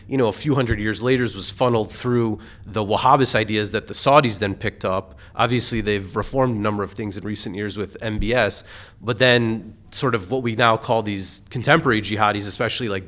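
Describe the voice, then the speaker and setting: A man's voice: on the low side, a bit bright. A man speaking as an expert guest in a casual interview, explaining patiently with lots of fillers. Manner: explanatory, many fillers like "you know".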